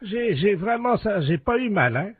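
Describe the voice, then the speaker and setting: Squeaky old-man patient played by a man, yelping, over a phone line. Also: expressive, normal speed, husky, dry recording. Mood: grateful. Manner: yelps and wails in pain. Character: old male dental patient, 78, in pain.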